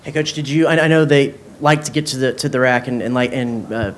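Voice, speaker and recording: A male reporter asking a coach questions in a halting, fumbling way at a press conference. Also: mid-range voice, a little hiss or hum.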